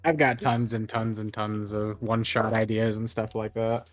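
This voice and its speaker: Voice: medium pitch, little pitch movement, normal speed, soft background music. A tabletop game player who does character voices, chatting in a laid-back, joking, rambling way. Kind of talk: casual chat between game sessions.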